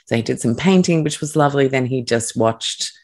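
A woman's voice: very deep voice, brisk, a little mellow. A woman hosting a conversational interview, sharing a personal story in a candid, reflective way. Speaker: podcast host.

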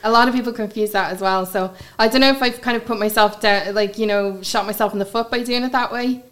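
A woman's voice: medium pitch, steady tone, fast talker, fairly bright tone. A woman with a west of Ireland accent talking casually and informally as an interview guest, with plenty of "like" and "you know". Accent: west of Ireland (Galway). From Galway, west of Ireland. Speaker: podcast guest, blogger.

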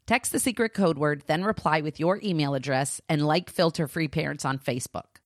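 A woman's voice: sits low, fairly quick, no room sound, studio quality. A woman co-hosting a podcast for parents, talking candidly and self-deprecatingly in a casual style. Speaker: podcast co-host and mother. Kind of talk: casual podcast chat with scripted announcements.

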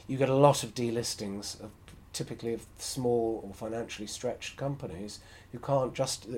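A man's voice: medium pitch, dark tone. A man hosting a solo podcast, talking frankly and with strong opinions as he thinks aloud. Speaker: podcast host.

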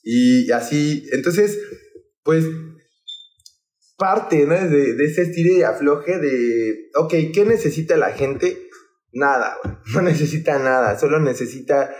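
A man's voice: fairly high pitch, expressive, takes it slowly, darkish tone. Young man, Mexican accent, slangy casual chat, restarts a lot. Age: young adult. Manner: slangy, rambling, many restarts. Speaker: guest, hostel project leader.

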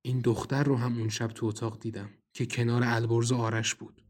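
A man's voice: medium pitch, flat delivery. A man narrating a horror audio drama in the first person and speaking his own character's lines in a tense, wary way. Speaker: narrator and writer.

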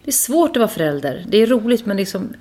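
A woman in her thirties and a mother, telling candid, animated stories in a casual podcast chat. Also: medium pitch. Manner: candid, animated storytelling with swearing. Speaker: podcast co-host.

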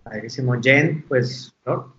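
A man's voice: medium pitch, slow, bright, forceful tone, a little hiss or hum. A middle-aged man with a Mexican accent co-hosting a casual interview, effusive and full of compliments. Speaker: co-host. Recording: dull lo-fi audio.

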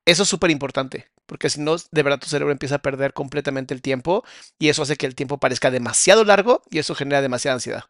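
A man's voice: fairly high pitch, rapid-fire, a bit bright, no room sound. A man, a therapist host, commenting between clips and giving listeners direct advice.

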